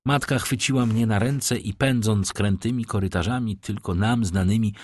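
A man reading a classic novel aloud as an audiobook narrator, with expressive, dramatic storytelling. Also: on the low side, moderate pace, dry recording, clean studio sound.

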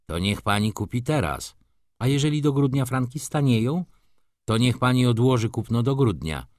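A man's voice: medium pitch, lively intonation, normal speed, a little mellow, no echo, pitched above the performer's own voice, natural voice. A man reading an audiobook, voicing a bitter, brooding middle-aged merchant who speaks in a restrained, cool way. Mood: cold bitter.

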